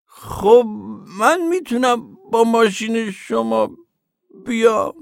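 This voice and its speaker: A male narrator voicing a self-pitying one-eyed grown man who complains in a slow, plaintive way. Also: extremely high pitch, vocal fry, clean tone, dry recording. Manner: plaintive, dragging delivery.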